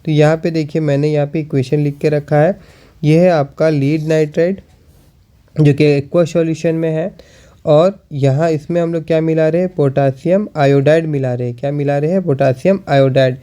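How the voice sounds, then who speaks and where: A male teacher giving a chemistry lesson, repeating questions and answering them, and slowing down while he writes. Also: fairly high pitch, steady tone, warm tone.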